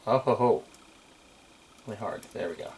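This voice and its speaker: This middle-aged restorer of old electronics has a fairly low, gravelly, darkish voice with lively intonation at a normal pace. He's casually showing his work at the bench, unscripted, captured by a nearby camera microphone in a small room on noisy amateur camcorder audio.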